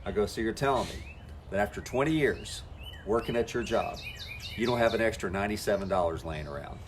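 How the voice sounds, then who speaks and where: This low-voiced man talks fairly quickly as he coaches network marketers straight to camera, folksy in manner and acting out quoted conversations. A little hiss or hum sits under the recording.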